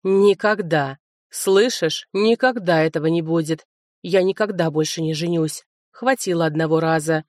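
Woman narrator doing a domineering male dragon lord, low and growling, dry close sound. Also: moderate pace, darkish tone, no echo, lightly acted. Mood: furious. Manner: growling, commanding.

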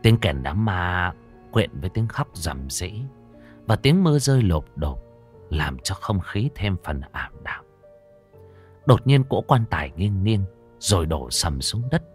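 A man narrating a ghost story in an expressive, dramatic way, dropping to hushes and rising again. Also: deep voice. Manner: expressive, swinging between hushed and loud.

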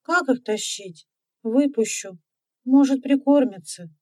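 A woman's voice: sits high, slow, darkish tone, dry recording, studio quality, pitched above the performer's own voice. A woman voicing an earnest, serious little village girl.

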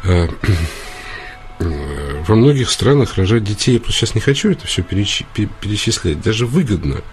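Low-voiced man lecturing on radio. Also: sing-song, moderate pace, faint music behind. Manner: earnest, emphatic lecturing with hesitations. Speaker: radio host, psychologist. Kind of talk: radio call-in talk.

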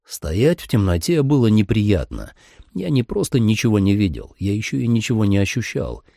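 Man, audiobook narration, low warm voice, husky, dry close recording. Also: big pitch swings, normal speed, no echo. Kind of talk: first-person audiobook narration.

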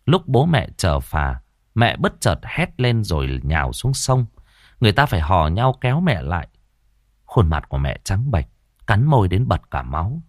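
A man narrating an audiobook story in an expressive, dramatic manner. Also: fairly low pitch, no room sound, studio quality.

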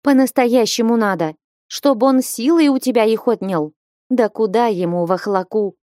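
A woman's voice: a little high, normal speed, mellow, dry recording, studio quality, voice pushed up, natural voice. A woman reading an audiobook voices a bold, bossy young village woman who scolds and commands sharply. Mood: scolding.

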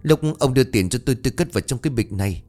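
A man doing a hushed, worried village wife. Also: mid-range voice, lively intonation, rapid-fire, faint music behind, pitched above the performer's own voice, lightly acted. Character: frightened hushed village wife selling noodles.

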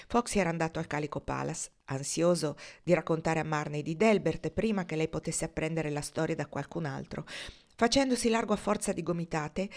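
A woman reading a novel aloud, lifting her voice for the characters' lines. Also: lowish voice. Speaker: audiobook reader.

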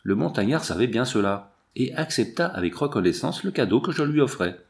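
A man reading a novel aloud as narrator, telling it in an expressive storytelling way. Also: medium pitch, brisk, vocal fry. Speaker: audiobook reader. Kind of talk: scripted narration.

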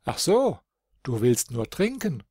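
A man voicing a cheerful, fearless young boy goatherd in a fairy-tale audiobook, with a lively, good-natured manner. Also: mid-range voice, slow pace, slightly rough, no echo, clean studio sound, full character voice. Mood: friendly.

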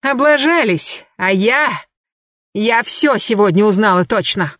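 A woman voicing a hysterical, jealous woman swinging a hoe, her lines frantic and shrill, in an audiobook. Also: expressive, measured pace, fairly bright tone, no echo, clean studio sound. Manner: frantic, shrill, hurled outbursts.

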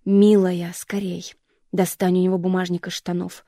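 A woman voicing a blunt hoarse mother. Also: medium pitch, level tone, measured pace, a little mellow, no room sound, studio quality. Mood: urgent. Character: tough wounded middle-aged mother, blunt.

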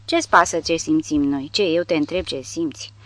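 Gruff, short-tempered imprisoned officer in an audiobook, read by a man. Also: a little high, fairly bright tone, natural voice. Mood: irritated. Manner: gruff, snapping. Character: irritable male prisoner officer, curt.

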